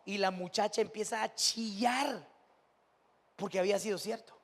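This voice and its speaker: Mexican pastor guy, high voice, chatty storytelling sermon, big reverby hall. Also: steady tone, normal speed, gravelly. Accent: Mexican Spanish. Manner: storytelling, conversational, rising to emphatic preaching. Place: church sanctuary.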